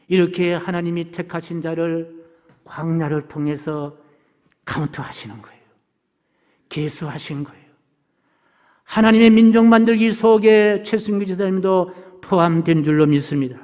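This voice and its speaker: A male pastor delivers a Sunday sermon, his voice riding high in pitch. He climbs through emphatic refrains and falls to near-whispers. The church hall carries a long, lingering reverb. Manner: swells into emphatic refrains, then drops to hushed whispers. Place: church sanctuary.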